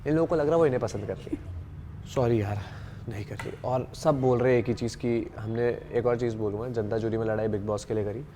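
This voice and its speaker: A man's voice: medium pitch, fairly even intonation, a little fast, dark tone, slight background noise. A young man being interviewed as a reality show contestant, talking emphatically and argumentatively, slipping English phrases into his speech. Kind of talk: casual interview talk.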